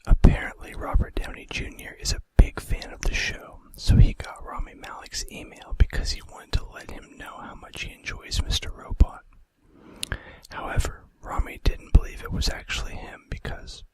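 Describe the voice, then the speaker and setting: In a darkish tone at a moderate pace, a male ASMR host whispers trivia from start to finish. His breathy, unvoiced whisper stays informal and chatty, full of offhand conversational asides.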